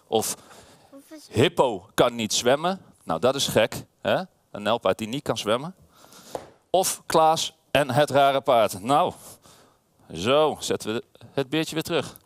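A man's voice: mid-range voice, expressive, slow pace, no room sound. A man reading a children's story aloud to a group of children in a room, playful and addressing them directly.

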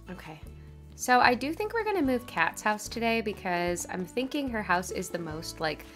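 A woman's voice: mid-range voice, big pitch swings, normal speed, a bit bright, faint music behind. A young woman gushing in casual gameplay commentary, with a sleepy morning voice. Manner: bubbly, gushing, chatty. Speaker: gaming YouTuber.

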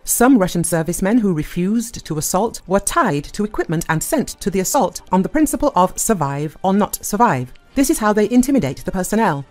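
A woman narrating a news report as a voice-over in a measured, formal read, stressing each new section. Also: on the low side, darkish tone.

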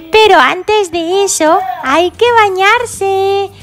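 A woman from voicing a cheerful little girl pig who fusses over her baby dolls in a sing-song, drawn-out way. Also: extremely high pitch, fairly bright tone, faint music behind, full character voice. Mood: doting. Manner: sing-song, fussing and doting, drawn-out words.

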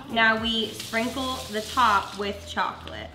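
A woman's voice: on the high side, steady tone, a little slow, very noisy. A young woman co-hosting a cooking show in casual, giggly, tipsy, playful banter with some swearing, recorded across a kitchen counter. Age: young adult. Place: bright home kitchen. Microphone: camera across the counter. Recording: echoey room with music. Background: background music.

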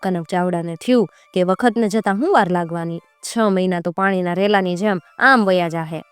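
A woman storyteller, narrating a folk tale in a lively, colloquial way. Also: on the low side, normal speed, clean tone, no room sound, faint music behind.

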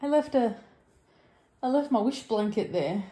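A woman's voice: a little high, animated, measured pace, mellow. Woman, casual unboxing chat, gushy and emotional, laughs a lot, roomy echo. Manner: gushing, emotional, laughs often. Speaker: cross stitch vlogger.

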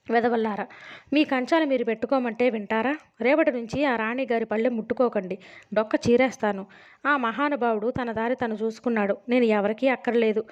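A woman narrating a novel as an audiobook in a steady storytelling manner. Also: fairly high pitch. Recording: dull lo-fi sound.

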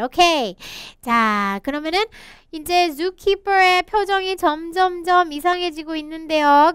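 A woman's voice: sits high, a bit bright, no room sound. Sing-song woman teaching children English. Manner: slow, encouraging, sing-song reading with laughs. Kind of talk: children's picture book English lesson.

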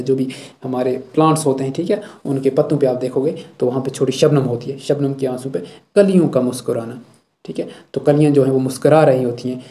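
A male teacher explaining a poem line by line, reciting each verse slowly and then explaining it with a habitual "thik hai". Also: mid-range voice, dark tone. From Jammu and Kashmir.

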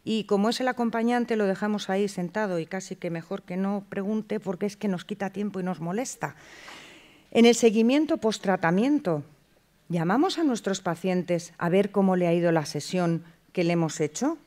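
Animated Spanish woman giving a lecture. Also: mid-range voice, normal speed. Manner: animated, with rhetorical questions and acted-out phone dialogues. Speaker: conference speaker. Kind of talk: lecture at a clinical communication conference.

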